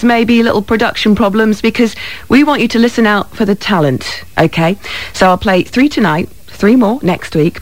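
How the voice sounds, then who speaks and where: A woman's voice: a little high, no echo. A British woman hosting a music radio show as DJ, informal and chatty, often checking in with short tag questions, on a close studio microphone.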